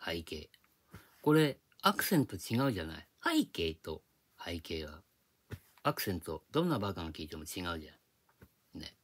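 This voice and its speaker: A man's voice: sits low, big pitch swings, a little fast, husky. A man hosting his own video channel, talking in a casual rambling monologue and explaining his points with rhetorical questions, recorded on a tablet microphone.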